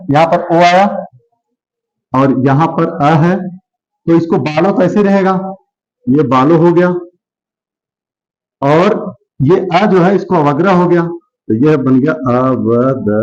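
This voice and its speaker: A man teaches a grammar lesson at a very slow, deliberate pace, repeating each word and answering his own questions. His voice sits a little high for a man. The recording sounds dull and lo-fi.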